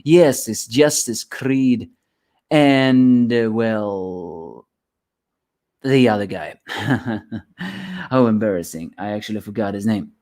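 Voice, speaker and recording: A man's voice: lowish voice, slow, a little mellow. A man giving a rambling solo review of a manga chapter, sleepy and yawning, often restarting his words.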